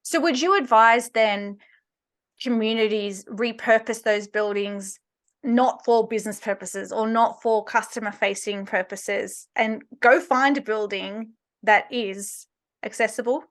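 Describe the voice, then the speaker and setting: A woman's voice: a little high, a little slow. A woman hosting an interview podcast, asking questions and explaining her points emphatically. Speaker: podcast host.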